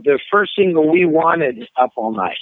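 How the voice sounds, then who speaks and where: Heard through a dry, tinny phone line with no echo, a middle-aged singer gives a casual interview in a fairly high, expressive voice. He speaks unhurriedly, hesitating and restarting a lot.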